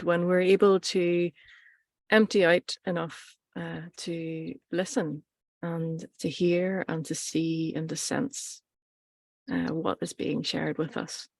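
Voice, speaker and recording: An Irish woman, a workshop teacher and plant practitioner, teaches informally and reflectively, pausing between short phrases. Her low voice stays fairly even in melody, with a noticeable creak at the edges and no echo.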